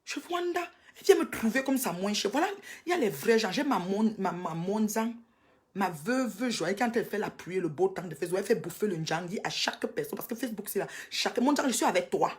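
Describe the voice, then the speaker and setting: Woman, angry livestream rant; scolding, mocking, with sharp high-pitched bursts. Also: animated, brisk.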